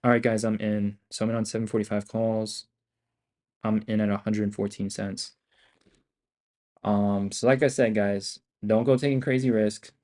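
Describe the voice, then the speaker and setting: Low-voiced, sweary finance-bro man. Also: little pitch movement, moderate pace, a little mellow. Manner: addresses listeners as bro, dude and man. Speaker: day trader hosting a live stream. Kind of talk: casual live trading commentary.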